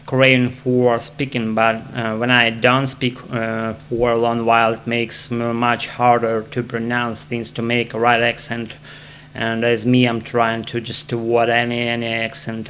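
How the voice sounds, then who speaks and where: A man with a Russian accent, a native Russian speaker, talking casually to camera from his armchair at home while in back pain, halting often with fillers and restarts. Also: medium pitch, fairly bright tone, slight background noise. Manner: hesitant, many fillers and restarts. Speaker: vlogger practicing English. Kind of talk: casual self-recorded monologue.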